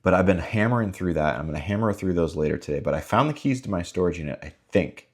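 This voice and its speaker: A man's voice: sits low, expressive, fast talker. A man vlogging casually about his life, talking in a rambling, frustrated way. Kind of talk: casual self-filmed vlog.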